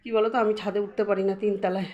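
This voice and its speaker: A woman's voice: medium pitch, flat delivery, rapid-fire, darkish tone, muffled recording. A middle-aged woman and grandmother narrating a casual home vlog, chatting straight to her viewers as she goes about her chores indoors, recorded on a handheld phone.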